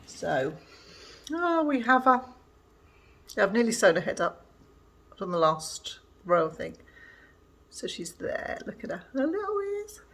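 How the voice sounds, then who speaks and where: A woman's voice: on the low side, big pitch swings, measured pace, pauses often, a bit bright. An older woman chatting casually in a home crafting vlog, rambling with many fillers. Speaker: vlogger. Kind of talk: casual chat.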